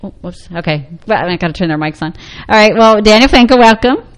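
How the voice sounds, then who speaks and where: A woman's voice: mid-range voice, animated, a little fast. A woman hosting a studio talk show, chatting casually with fillers and introducing her guests. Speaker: radio show host. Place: radio studio.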